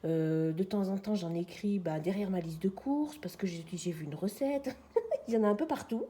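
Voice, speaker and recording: A friendly woman in her forties talks easily to her viewers at home as she sorts her things. Her voice is mellow and warm. She sounds a bit removed, since she is caught by a camera on a tripod with its mic on the far side. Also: medium pitch, animated, moderate pace. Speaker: vlogger. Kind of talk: casual chat to camera. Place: at home, sitting on the floor.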